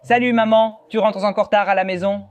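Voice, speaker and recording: A man's voice: sits high, fairly even intonation, fairly quick, voice pushed up, natural voice. A man voicing a whiny, demanding little boy in a game. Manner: whining, pleading.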